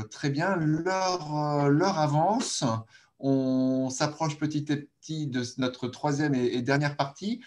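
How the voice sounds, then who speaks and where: A man hosting an online meeting informally, pausing and rephrasing as he goes. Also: mid-range voice, a little mellow. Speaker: meeting host and moderator. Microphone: video call.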